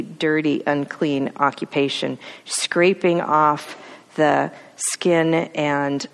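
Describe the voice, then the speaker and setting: A woman's voice: on the low side, in a large hall. A woman preaching a sermon, telling the story with emphatic lists and rhetorical questions.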